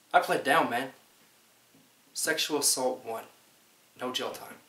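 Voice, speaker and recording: A young American man in his twenties performs a naturalistic, audition-style dramatic monologue as a bitter, indignant man insisting he was framed, sounding defensive, emphatic and halting, with swearing. His medium-pitched voice is pushed and bright, close to everyday speech. A camera mic a few feet away captures it in a small plain indoor room, giving a roomy home recording with hiss.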